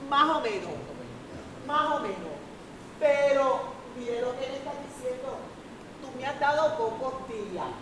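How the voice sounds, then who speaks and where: A woman leads a Bible class in a high voice, unhurried and earnest as she draws out each quoted verse. She is heard from a distance in a very echoey room with steady noise behind her. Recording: echoey room from far off, noisy.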